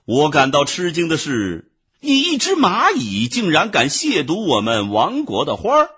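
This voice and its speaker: A man's voice: on the high side, wildly swooping pitch, unhurried, sharp tone, husky, pitched above the performer's own voice, full character voice. A man voicing a proud, haughty female honeybee who scolds and lectures in a storybook reading. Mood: indignant. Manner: scolding, lofty and indignant.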